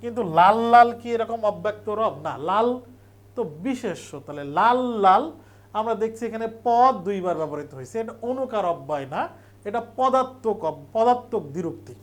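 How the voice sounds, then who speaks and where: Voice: medium pitch, lively intonation, moderate pace. A teacher giving an exam revision lecture, explaining step by step and repeating key points for emphasis.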